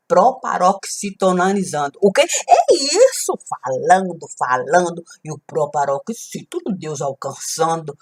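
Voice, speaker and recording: A woman performs a dramatic spoken-word story at an unhurried pace. Her voice leaps widely in pitch, theatrical, jumping from loud cries to hushed asides. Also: slightly rough. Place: indoors, recorded on a webcam.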